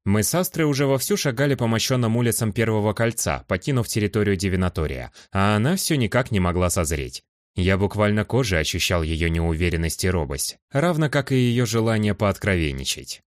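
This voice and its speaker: This very deep-voiced man narrates a fantasy audiobook in a measured, calm first-person delivery. Recorded close-up and dry, with no echo from the room.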